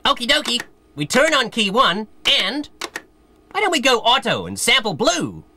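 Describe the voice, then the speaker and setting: An actress playing an eager, cheeky young apprentice in scripted promotional dialogue. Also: female voice, a little high, sing-song, moderate pace, bright, forceful tone, a little hiss or hum. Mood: chirpy. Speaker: apprentice character in a promo video.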